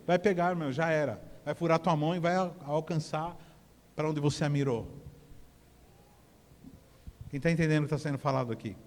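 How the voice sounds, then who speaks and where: High-voiced preacher in an echoey hall. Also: male voice, normal speed, pauses often. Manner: animated, conversational preaching that builds to shouting. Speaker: pastor. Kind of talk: sermon. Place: church hall.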